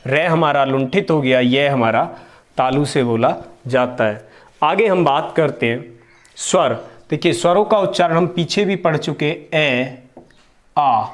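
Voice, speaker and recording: A man teaches a grammar lesson in a patient, explanatory way, often repeating key terms. He slows down to stretch and repeat single syllables as examples. His voice sits a little high for a man. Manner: slow, repeated demonstration of sounds, stretching syllables. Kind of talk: Hindi grammar lesson on places of articulation.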